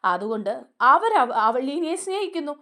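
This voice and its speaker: A woman voices a family elder, a calm older man, delivering a firm admonishment. She pitches her voice above her natural register, making it high, sing-song and exaggerated. The tone is bright and forceful at a moderate pace.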